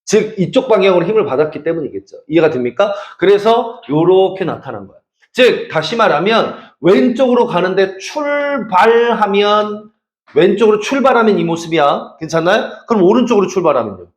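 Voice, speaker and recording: A man's voice: high voice, animated, fairly quick, roomy sound. A middle-aged man teaching a class, teasing students and checking constantly that they follow. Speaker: math and science academy teacher. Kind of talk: classroom lecture.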